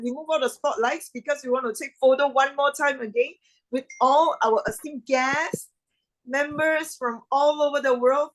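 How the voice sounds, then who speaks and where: Upbeat woman emcee on a video call, high voice, formal phrasing. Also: a bit bright, poor audio. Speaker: event host. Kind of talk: online event emceeing.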